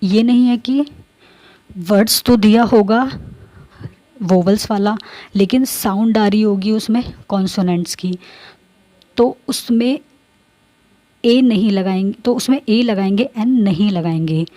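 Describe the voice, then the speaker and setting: Woman teacher, mellow tone, patient and repetitive classroom delivery. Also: medium pitch, unhurried, pauses often. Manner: repeats points, checks in with students. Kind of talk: classroom grammar lesson.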